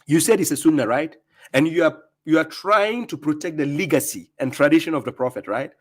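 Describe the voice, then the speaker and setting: A Ghanaian man hosts a live stream, reacting to clips with mocking commentary. His voice is on the high side, animated and a little fast, and he laughs often and repeats himself.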